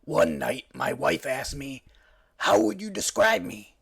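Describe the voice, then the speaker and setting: Here the same kind of cheeky cartoon bat host tells jokes punchily, jumping between character voices on his late-night comedy show. The man's mid-range, gravelly, husky voice swings hugely in pitch, runs a little slow, and is exaggerated, while the recording is very noisy.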